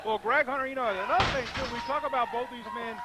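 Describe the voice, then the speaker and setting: A man with a high voice provides live color commentary on wrestling. He sounds conversational and emphatic. He tends to repeat his phrasing as he makes a point. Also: fast talker, very noisy.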